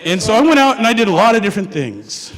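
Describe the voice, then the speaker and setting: Talking fast in a high, very animated, fairly bright voice, a young Hawaiian student tells his story humorously to an audience. He keeps things chatty, jokes, and asks his listeners questions, while the recording has long hall reverb.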